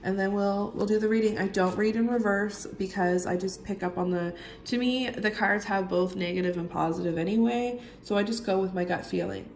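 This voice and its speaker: A woman with a husky, gravelly whiskey voice, getting over a cold, chatting casually and directly to the viewer as she teaches tarot reading. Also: mid-range voice, fairly even intonation, a little fast, a little mellow. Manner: informal, conversational, talks directly to viewer. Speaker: tarot reader giving a tutorial. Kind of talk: casual instructional chat. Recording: roomy echo, faint background noise.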